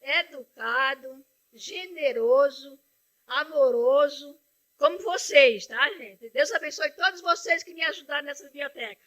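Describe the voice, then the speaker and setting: Tearful older woman with a high voice. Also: expressive, pushed and bright. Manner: tearful, devout, halting retelling. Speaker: interviewee, library founder. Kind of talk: emotional personal storytelling.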